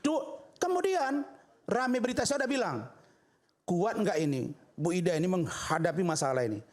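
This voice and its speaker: A man's voice: high-pitched, expressive, moderate pace. A man, a lawyer, telling a story in a talk show interview, acting out the dialogue and repeating himself for stress. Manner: recounts events by acting out quoted dialogue.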